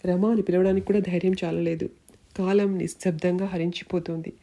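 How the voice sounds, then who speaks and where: A woman narrating a novel in a steady, measured reading voice. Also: lowish voice. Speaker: audiobook narrator. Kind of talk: storytelling narration.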